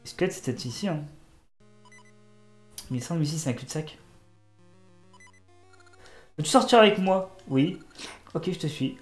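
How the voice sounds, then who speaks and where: Playing a video game while nursing a cold, this YouTuber keeps up casual commentary, cracking jokes and addressing both himself and the characters. His high-leaning voice is expressive, at a moderate pace with frequent pauses, in an echoey room with faint music behind.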